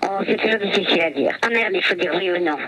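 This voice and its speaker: A woman, a mystery guest on a radio show, talking through a voice changer that makes her pitch jump and glitch, giving short playful answers. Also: fast talker, noisy background. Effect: voice disguised with a pitch-shifting changer, high and jumpy. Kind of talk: casual radio chat over the phone.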